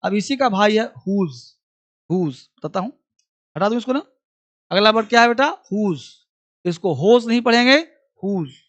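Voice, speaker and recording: A male teacher giving an exam-prep grammar lesson. He drills each point by repeating it slowly, as though dictating notes. He speaks to his students in a familiar, fatherly way. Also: high-pitched, expressive, fairly bright tone. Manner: addresses students familiarly as son and kid; explains English grammar in Hindi.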